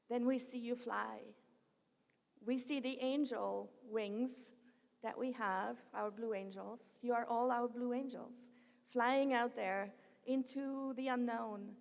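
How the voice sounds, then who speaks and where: A woman delivers a commencement address at a podium microphone, her voice slightly high with a gravelly edge. She speaks in a heartfelt, personal way and often strays from her script. Her words ring out with the long reverb of a large hall. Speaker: university president.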